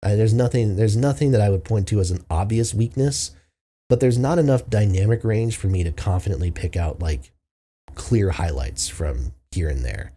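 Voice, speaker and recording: Low, husky-voiced man reviewing albums. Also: normal speed, warm tone. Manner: loose, filler-heavy, thinking aloud. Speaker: music reviewer host. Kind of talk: casual album review monologue.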